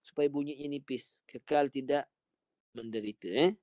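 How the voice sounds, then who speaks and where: A man's voice: medium pitch, normal speed, a little mellow, dry recording. A man with a Malaysian Malay accent teaching an online Quran recitation lesson, patiently repeating short drills and corrections over a video call.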